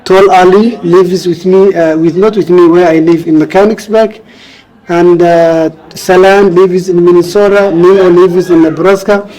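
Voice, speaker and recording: Poor audio carries a warm, high-sitting male voice, steady in tone and a little slow. The speaker, a Somali-accented author and refugee advocate from Somalia who grew up in Kenya, answers interview questions earnestly and repeats phrases for emphasis.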